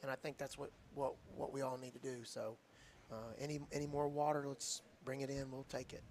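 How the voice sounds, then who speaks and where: A man's voice: medium pitch, little pitch movement, fairly quick, a little mellow, a little hiss or hum. A man, a football coach telling an earnest, heartfelt story in a radio interview. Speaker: high school football coach.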